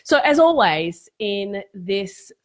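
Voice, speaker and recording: A woman's voice: mid-range voice, sing-song, slow. A woman hosting a live-streamed question-and-answer session as a fertility specialist, losing her voice and explaining things earnestly with frequent fillers and restarts.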